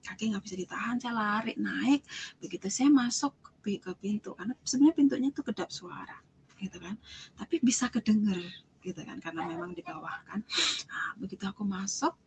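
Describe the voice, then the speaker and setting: A young woman recounts her personal testimony in an animated, storytelling way. She acts out the voices of the people in her story and sometimes falls to a near-whisper. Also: mid-range voice, brisk, muffled recording, a little hiss or hum. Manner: animated storytelling, acting out quoted dialogue, drops to whispers. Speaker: testimony giver.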